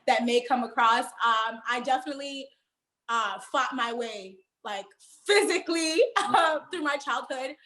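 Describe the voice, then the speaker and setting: This is a fairly high-pitched, somewhat bright female voice, heard in a roomy space. The speaker is a young performer from Haiti who grew up in Miami, chatting as a guest in a casual interview with lively talk and frequent laughter.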